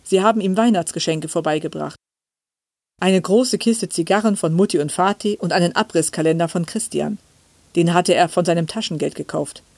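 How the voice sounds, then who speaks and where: A woman reading a children's Christmas story aloud, with calm, gentle storytelling. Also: on the low side, normal speed, no echo. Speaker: reader. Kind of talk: scripted storybook narration.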